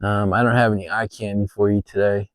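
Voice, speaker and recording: A man chatting casually to camera outdoors in his backyard, with a hesitant, pausing delivery. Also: on the low side, little pitch movement, dry recording. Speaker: vlogger.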